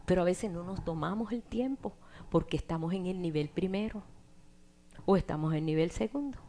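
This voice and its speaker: Brief: middle-aged woman preacher, sermon delivery that rises to loud emphasis and drops to hushed asides. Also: lowish voice. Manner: animated, swings from loud emphasis to near-whispered asides.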